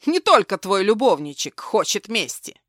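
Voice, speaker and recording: A woman's voice: mid-range voice, big pitch swings, moderate pace, fairly bright tone, no room sound. A woman narrator doing an unhinged, vengeful man in an audiobook, snarling and barking threats. The read is close and dry, with no room sound around it. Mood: menacing. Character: vicious vengeful male ex-husband, unhinged. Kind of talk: audiobook dialogue.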